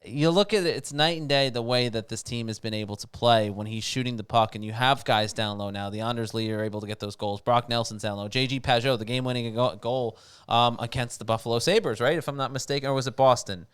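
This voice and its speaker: A New York man co-hosting a hockey show in a clear, resonant mid-range voice. He talks in long, winding thoughts and stops to correct himself. His jokes are dry. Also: mid-range voice, fast talker, few pauses, fairly bright tone. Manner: dry wit, rambling, self-correcting. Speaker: podcast co-host. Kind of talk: hockey talk show chat.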